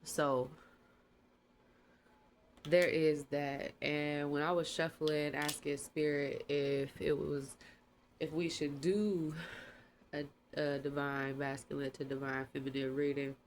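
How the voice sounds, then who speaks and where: A tarot reader hosting a casual channel reading, talking in a relaxed, rambling, slangy way with a congested voice. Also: mid-range voice, slow pace, slight background noise.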